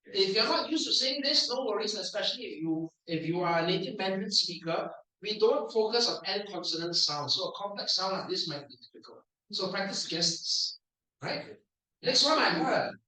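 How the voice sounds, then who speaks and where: Singaporean guy doing pronunciation drills at a speaking club, playful, bright voice, far off the mic in a really echoey room. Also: high voice, animated. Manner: playful, drills words aloud slowly for the audience. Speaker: language evaluator at a speaking club. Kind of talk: club speech evaluation and pronunciation coaching.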